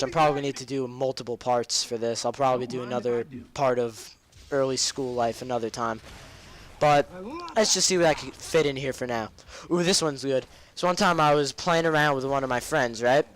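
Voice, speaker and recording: A man telling crude school stories over gameplay commentary, rambling, swearing, and drifting off topic. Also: mid-range voice. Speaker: gaming commentator. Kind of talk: casual game commentary and storytelling.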